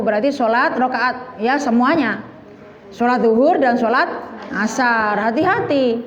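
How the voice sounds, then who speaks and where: A woman, teaching a religious lesson on a classical text. Her voice sits fairly high. She recites Arabic lines and then explains them in plain terms, and the sound comes dull and lo-fi with a long echo from a large hall. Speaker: Islamic teacher.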